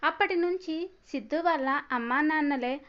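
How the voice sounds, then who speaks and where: A woman storyteller giving a steady, expressive scripted narration of a family story. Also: high-pitched, moderate pace. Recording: slightly dull lo-fi audio.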